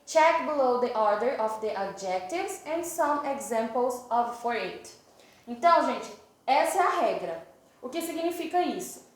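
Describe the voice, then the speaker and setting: A woman teacher with a Brazilian Portuguese accent who explains grammar step by step and reads the English examples slowly. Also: a little high, lively intonation. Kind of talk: online grammar lesson. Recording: very echoey room.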